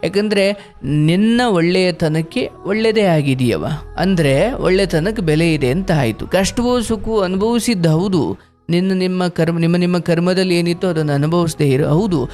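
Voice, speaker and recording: Guy with a high voice counselling a caller live, storytelling, lots of rhetorical questions. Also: normal speed, darkish tone, faint music behind. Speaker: spiritual guru counseling callers on a live show. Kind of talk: live call-in spiritual advice.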